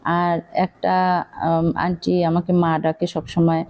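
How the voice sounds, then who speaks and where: A woman's voice: on the low side, flat delivery, slow, darkish tone. A middle-aged woman with a Barishal accent who chats casually while cooking, rambling and confiding, with many fillers. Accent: Barishal Bengali. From Bangladesh. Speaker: cooking vlogger.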